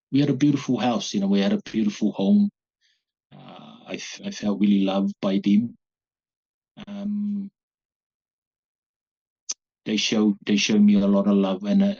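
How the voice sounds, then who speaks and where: A man talks haltingly, often restarting as he searches for words. His voice sits low and sounds husky. The recording is dull and muffled. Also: flat delivery, dark tone. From Samoa. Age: 40s. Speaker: guest, abuse survivor. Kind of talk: personal interview.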